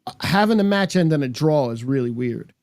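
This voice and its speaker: A man with a somewhat high voice co-hosts a casual wrestling podcast, firing off speculative questions and slangy asides. His voice sounds close and dry, with no room around it. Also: lively intonation, brisk, darkish tone, no room sound. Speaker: podcast co-host. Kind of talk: casual wrestling recap chat.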